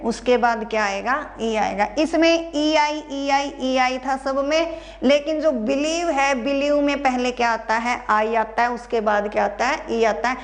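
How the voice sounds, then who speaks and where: High-voiced woman teaching, slow and repetitive. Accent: Haryanvi Hindi. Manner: spells words letter by letter, repeats answers to students. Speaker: English teacher. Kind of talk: classroom exam-prep lesson.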